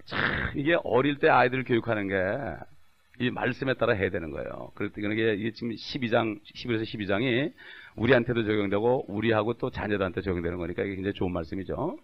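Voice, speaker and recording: Gravelly-voiced Korean pastor preaching fast. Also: male voice, fairly low pitch, muffled recording. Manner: conversational preaching, asks the congregation for agreement. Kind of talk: sermon.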